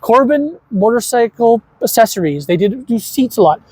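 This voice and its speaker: Brief: male co-host, relaxed and excited, explains exhibits while walking an indoor museum hall. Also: very high voice, moderate pace, husky. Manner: enthusiastic, rambling with many restarts. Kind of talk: casual chat touring a museum.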